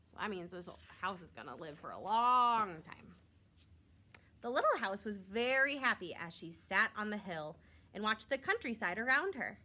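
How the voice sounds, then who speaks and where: A woman reads a children's picture book aloud like a schoolteacher, her lively pitch rising and falling a great deal. She reads expressively and pauses for simple asides aimed at young listeners.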